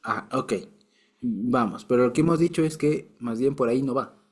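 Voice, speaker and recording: A man's voice: mid-range voice, moderate pace. A man teaching a casual Bible lesson, explaining patiently with restarts and light chuckles.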